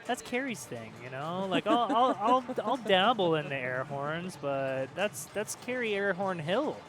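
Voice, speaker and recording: A man giving casual, chatty live commentary on a pinball tournament, self-deprecating and quick to laugh. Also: high-pitched, sing-song. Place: pinball arcade bar.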